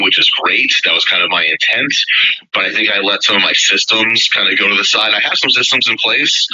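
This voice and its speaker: A man's voice: on the low side, bright, forceful tone, dull audio. A man from upstate New York with a head cold and a nasal voice, talking casually as a podcast guest with lots of fillers. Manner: many fillers, hesitant. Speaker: podcast guest, part-time real estate investor.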